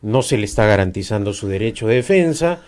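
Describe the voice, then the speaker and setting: A man's voice: lowish voice, expressive, a little fast, darkish tone. Guy ranting about politics, lots of eh fillers, very up and down voice. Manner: emphatic, critical, with frequent "eh" fillers. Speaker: political commentator. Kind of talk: political discussion.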